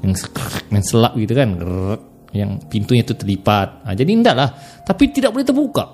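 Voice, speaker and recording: A man telling a ghost story in a casual, conversational way, swinging between loud exclamations and hushed asides. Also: lowish voice, very animated, normal speed, soft background music.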